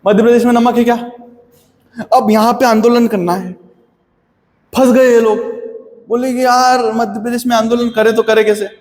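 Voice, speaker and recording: Man, teacher, chatty classroom lecture, high voice, long reverb. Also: steady tone, moderate pace, long pauses, darkish tone. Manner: chatty, addresses students as beta.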